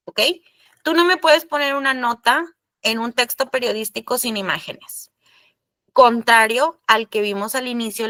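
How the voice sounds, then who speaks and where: A woman's voice: fairly high pitch, bright, forceful tone, no room sound. A woman teacher, explaining a lesson in an online class, chatty and addressing the students directly.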